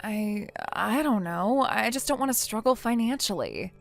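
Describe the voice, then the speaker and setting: This is a defensive wife who whines and stumbles over her words. A text-to-speech woman voices her a little high. Soft music runs quietly behind her. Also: lively intonation, normal speed, vocal fry. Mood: anxious. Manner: whiny, hesitant. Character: defensive, self-pitying young wife.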